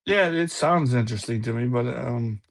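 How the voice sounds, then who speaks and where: A man's voice: medium pitch, normal speed. A man co-hosting a casual chat, easygoing and hesitant with fillers.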